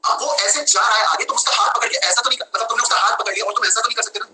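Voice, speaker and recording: Young male law tutor, very bright tone, animated classroom delivery, faint noise behind. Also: high-pitched, rapid-fire, poor audio. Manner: lively, switches between Hindi and English, acts out examples. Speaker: law teacher. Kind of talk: live online class lecture.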